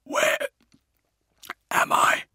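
A man voicing a weak, hoarse male warrior just out of a coma, speaking haltingly and sometimes in a whisper. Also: sharp tone, dry recording, clean studio sound, heavily acted. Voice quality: hoarse, croaking.

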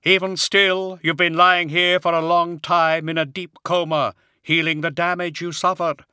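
A man voicing a hollow-voiced, skull-faced male warrior monk who speaks slowly and gravely, in an audiobook. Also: fairly high pitch, level tone, sharp tone, no room sound, studio quality, pitched above the performer's own voice. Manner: slow, grave and measured.

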